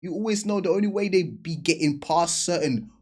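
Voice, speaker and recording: A man's voice: sits high, fairly quick, darkish tone, breathy edge. A man hosting a reaction video, talking bluntly in casual slang and commenting emphatically on what he watches. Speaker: reaction channel host.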